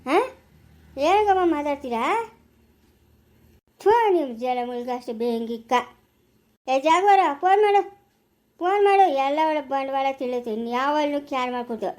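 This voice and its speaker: A woman as a ranting village man, high-pitched. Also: expressive, moderate pace, long pauses, a little mellow. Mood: indignant. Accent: rural Chikkaballapura Kannada. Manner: scolding, ranting, repeats phrases. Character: quarrelsome village man, indignant, defensive. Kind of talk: village family skit acting.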